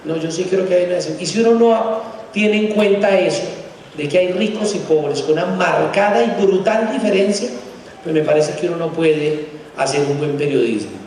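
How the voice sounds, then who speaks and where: Middle-aged Bogotá-accented man, emphatic, sarcastic lecturer, slightly high voice, heard from far off in a big hall. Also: normal speed, darkish tone, a little hiss or hum. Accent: Bogotá Colombian Spanish. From Colombia. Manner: emphatic and sarcastic, rising in pitch to stress points. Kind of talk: conference lecture. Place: large hall.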